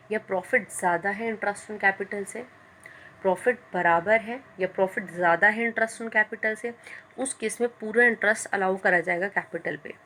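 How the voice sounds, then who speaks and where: Bright-voiced woman teaching a class. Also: mid-range voice. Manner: explains step by step, reads English lines slowly. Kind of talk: classroom-style lecture.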